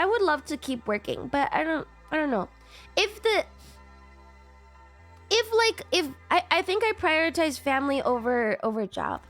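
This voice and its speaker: A woman in her twenties with a cute anime-streamer voice, pitched very high and animated. She chats casually to her livestream viewers in a playful, giggly, excitable way, with music playing. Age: 20s. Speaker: VTuber livestreamer. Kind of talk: casual livestream chat, reacting to viewer messages.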